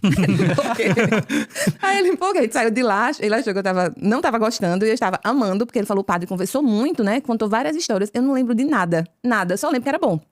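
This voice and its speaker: A woman with a Brazilian Portuguese accent, a podcast guest telling her conversion story as a lively storyteller who acts out each exchange of dialogue. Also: a little high, racing, dry recording, clean studio sound. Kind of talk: conversion testimony told as a story.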